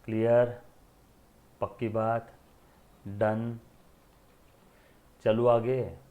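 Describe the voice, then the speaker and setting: A man's voice: lowish voice, little pitch movement, very slow, phone-quality sound. Man teaching class, asks and answers. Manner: repeats questions and answers them himself, calls students beta. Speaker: accounting teacher. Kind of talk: classroom lecture.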